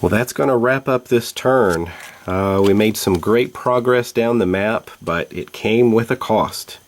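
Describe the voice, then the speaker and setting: Low-voiced guy slowly talking thru a board game turn, kinda measured, thinking out loud. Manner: measured, thinks aloud while checking moves. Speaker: host playing a tabletop board game. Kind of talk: playthrough commentary explaining rules.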